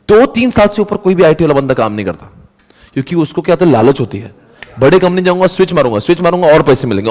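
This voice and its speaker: A man's voice: high-pitched, big-room sound. A man teaching a casual lecture in a chatty, conversational way, acting out little quotes as he goes. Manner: chatty, mixes Hindi and English, acts out quotes.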